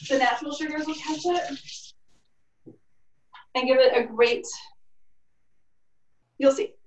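Speaking slowly in a high voice with fairly even intonation, a cooking instructor demonstrates a dish in her old apartment's home kitchen. She's chatty, full of "like" and "kinda." The mic is distant, the room echoes, and the highs are cut off.

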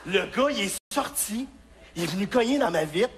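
A male stand-up comedian from Quebec with a Québécois accent, telling stories on a live stage and shouting his punchlines. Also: high-pitched, moderate pace, very noisy. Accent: Québécois French. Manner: animated storytelling with shouted punchlines.

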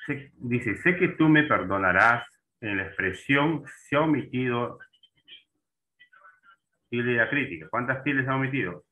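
A man's voice: mid-range voice, animated, a little slow, long pauses, pushed and bright. A man teaching an online class, often checking in with students and asking questions as he goes. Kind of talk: online class on Spanish accent marks. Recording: tinny phone-like online call audio.

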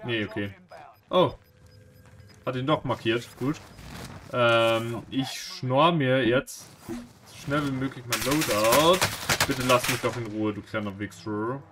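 A man's voice: mid-range voice, slow pace. Jumpy swearing male gamer. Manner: jumpy, swears, anxious self-mocking; swings from mutters to sudden shouts. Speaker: gaming streamer. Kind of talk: live gameplay commentary.

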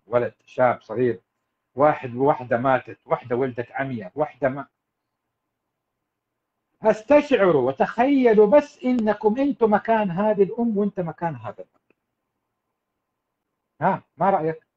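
Animated man coaching parents. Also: fairly high pitch, highs cut off. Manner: animated, preachy, emphatic, addresses listeners directly. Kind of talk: live-stream parenting talk.

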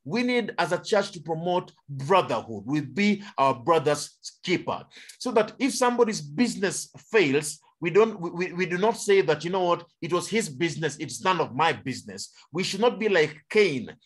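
A man's voice: fairly high pitch, animated, normal speed, husky. A man from Kenya on an online panel, speaking in a preaching manner and asking rhetorical questions.

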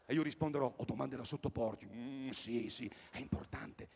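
Rambling Italian stand-up man, gravelly. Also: medium pitch, moderate pace, big-room sound. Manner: rambling, jokey, swings between loud bursts and mutters. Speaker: stand-up comedian. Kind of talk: stand-up comedy routine at a live concert. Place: outdoor tennis courts at a live event.

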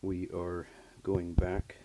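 Man, HVAC technician, hands-on repair tutorial, flat delivery, noisy handheld camera audio. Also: sits low, slow. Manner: plain, practical explaining with frequent uh fillers. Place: basement furnace area and workshop floor. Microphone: camera held by the speaker while working.

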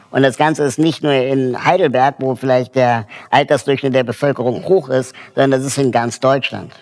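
A man explaining a project and lecturing students in a hall, talking thoughtfully with frequent hesitation fillers. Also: medium pitch. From Germany. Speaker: social project founder giving a lecture.

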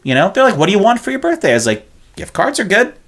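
A man's voice: high-pitched, wildly swooping pitch, fast, fairly bright tone. A man in his forties co-hosting a podcast, talking in a rambling, hesitant way in casual chat. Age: 40s. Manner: rambling, hesitant, many restarts. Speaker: podcast co-host.

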